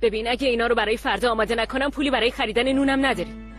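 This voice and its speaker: A woman's voice: on the high side, steady tone, a bit bright, faint music behind, lightly acted. An actress playing an exhausted poor mother who soothes her children with tender words in a dubbed television drama. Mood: weary. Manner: weary and tender.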